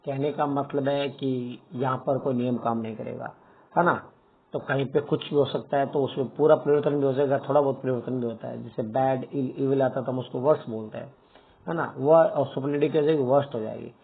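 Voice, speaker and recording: Male teacher explaining grammar, gravelly husky voice, tinny phone-like audio. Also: medium pitch, fairly even intonation, brisk. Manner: asks and answers his own questions, calls students dear children. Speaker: English teacher. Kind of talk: Hindi-medium grammar lesson.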